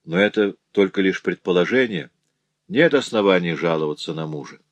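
A man's voice: deep voice, lively intonation, moderate pace, dry recording, muffled recording. A man voicing a poor, grieving woman who tells of her husband's cruelty in a sorrowful, pleading way.

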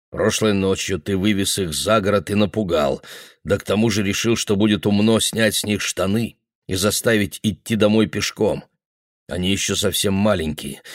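A man's voice: low voice, no echo, clean studio sound. A man reading aloud and voicing a furious grown father whose voice comes out choked and strained. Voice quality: tight, choked voice.

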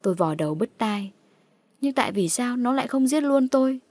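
A woman's voice: a little high, animated, brisk, warm tone, dry recording, studio quality. A woman reading a first-person horror story aloud in a tense, dramatic way. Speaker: narrator. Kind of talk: scripted horror story narration.

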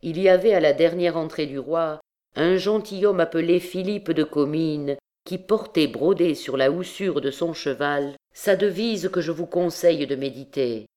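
A woman's voice: low voice, normal speed, dark tone, natural voice. A woman reading a stern old archdeacon. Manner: curt, grave admonishing. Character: stern older male archdeacon, severe and grave. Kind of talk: audiobook reading of a classic novel.

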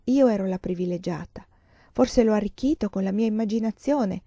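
A woman's voice: medium pitch, moderate pace, dark tone, no echo, natural voice. A woman reader voicing a heartbroken, jilted young woman who speaks in a pleading, broken voice. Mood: brooding. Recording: slightly dull lo-fi recording.

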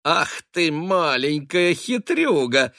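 Effusive matchmaking mistress, high and lively, read by a man. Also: slow pace, gravelly, dry recording, clean studio sound, exaggerated voice. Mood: excited gushing. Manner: effusive, fussy, teasing. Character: gushing middle-aged lady, matchmaking mistress.

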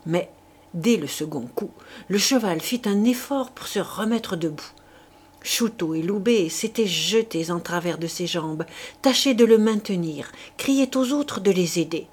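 Woman narrator for a novel audiobook, slow, breathy, measured. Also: medium pitch, lively intonation, darkish tone. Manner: measured, deliberate reading. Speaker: audiobook reader.

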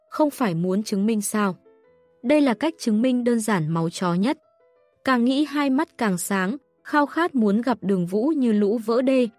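A woman narrating an audiobook in a steady, even reading voice. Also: on the high side, no echo. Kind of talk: scripted narration.

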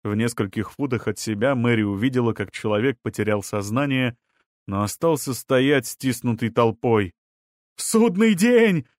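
A man reading a novel aloud as an audiobook narrator, in a measured way that leans into the drama. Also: medium pitch, no echo, studio quality. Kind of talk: scripted narration.

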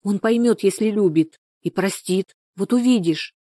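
A woman voicing a practical village woman friend who talks briskly and coaxingly with concern. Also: medium pitch, mellow, no echo, studio quality, lightly acted.

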